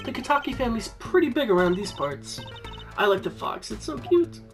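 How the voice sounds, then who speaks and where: A man voicing an excitable teenage girl magician while reading a game aloud, over music. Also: very high-pitched, a little fast, pitched above the performer's own voice, heavily acted. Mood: chirpy. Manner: bubbly, excitable. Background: background music.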